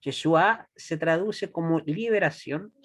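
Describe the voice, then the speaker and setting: Slow, patient male Hebrew teacher. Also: fairly high pitch, fairly bright tone. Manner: patient, checks understanding with frequent "¿ya?"; slow and deliberate, repeats words for students. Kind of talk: classroom lesson.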